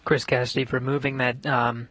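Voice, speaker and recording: A man giving live mission control commentary with halting, measured explanations. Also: medium pitch, level tone, a bit bright, slightly rough, dry recording.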